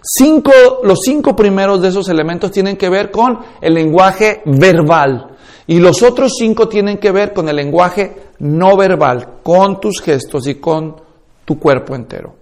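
A man's voice: high voice, lively intonation, a little slow. A man teaching a course on preaching, speaking in an emphatic, instructive way, addressing listeners directly and demonstrating tones and speeds with his own voice.

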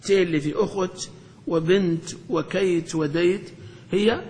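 A man leads a classroom grammar lesson. His voice sits high, and a long reverb trails off the walls of the hall. He keeps asking questions and repeats the key points. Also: measured pace, darkish tone. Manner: questioning, repeats key phrases, checks students follow. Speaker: sheikh teaching Arabic grammar.

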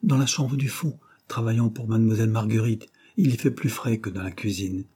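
A man's voice: lowish voice, fairly quick, mellow, breathy edge. A man voicing a female household servant who grumbles with faint scorn. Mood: grumbling.

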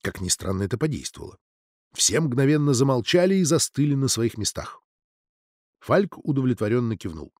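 A man narrating an audiobook in an expressive, measured storytelling manner. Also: medium pitch, no echo, studio quality.

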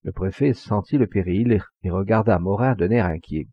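A man reading a classic novel aloud as audiobook narration, expressive and measured. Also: sits low, breathy edge, no echo. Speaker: audiobook reader. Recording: dull lo-fi recording.

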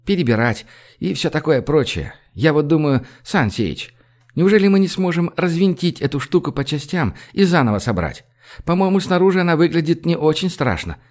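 Guy doing a cocky young guy teasing his friends, higher voice, audiobook. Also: lively intonation, normal speed, darkish tone, natural voice.

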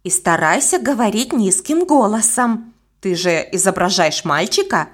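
A woman's voice: medium pitch, animated, measured pace. A woman reading the part of a caring adult actress who coaxes and fusses over a girl. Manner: caring, coaxing. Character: kind, fussing adult actress, motherly.

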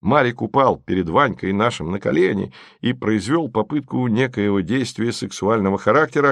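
A man's voice: medium pitch, no room sound, clean studio sound. A man narrating an audiobook in a wry, mock-solemn storytelling manner. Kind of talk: scripted narration.

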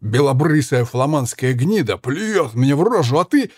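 A man voicing a hot-tempered, drunk Spanish soldier who shouts and curses in slurred bluster. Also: medium pitch, lively intonation, normal speed, slightly rough, no echo, studio quality. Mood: raging.

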